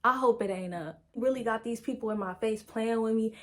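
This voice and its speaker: Young woman, storytime vlogger, casual slang, voices the quotes, slightly high voice. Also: brisk. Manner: animated, slangy, acts out quotes.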